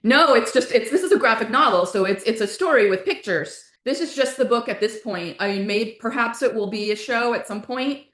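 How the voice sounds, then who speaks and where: Her voice is a bit bright and on the high side, moving a little fast with few pauses. As a guest author and playwright in a casual interview, she rambles about her creative work, doubling back mid-sentence, in an echoey indoor space.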